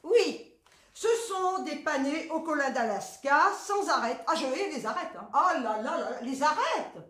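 A woman's voice: sits high, lively intonation, a little slow, fairly bright tone. A woman with a southern French accent, chatting frankly and cheekily through a grocery haul, swearing freely. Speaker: vlogger showing a grocery haul. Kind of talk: casual haul chat. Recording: echoey room.

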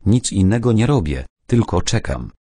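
A man voicing an anxious young pregnant woman who speaks softly and worriedly. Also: fairly low pitch, sing-song, moderate pace, dry recording, clean studio sound.

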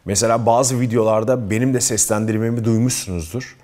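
A man's voice: on the low side, brisk, a little mellow. A man giving self-improvement advice to his viewers, earnest and emphatic, often addressing them as friends. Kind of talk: advice talk to camera.

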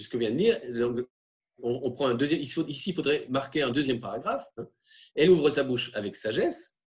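A man lecturing on religious texts, explaining in a halting way with frequent tag questions. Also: mid-range voice, darkish tone.

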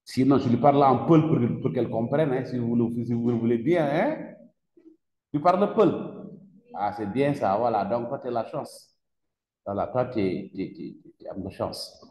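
Recorded lo-fi in a reverberant classroom, this man speaks at a moderate pace in a mid-range, darkish voice. He has a Senegalese French accent and quizzes his students, emphatically repeating the important words.

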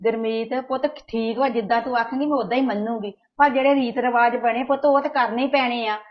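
A woman's voice: on the high side, steady tone, a little fast, natural voice. A woman playing a caring but scolding older mother who hurries her married daughter along. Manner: urgent, scolding yet tender. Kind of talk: amateur family drama acting. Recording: dull, muffled recording.

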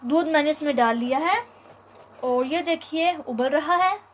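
A young woman hosting a home cooking video, calmly explaining each step with frequent pauses and fillers, recorded on a phone in her kitchen. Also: high voice, slight background noise. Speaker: cooking channel host. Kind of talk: home cooking tutorial narration.

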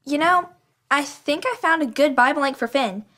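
A teenage girl speaking scripted kids' show lines in a gentle, encouraging way in an indoor studio set. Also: high voice, moderate pace. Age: teens. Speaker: child actor presenter.

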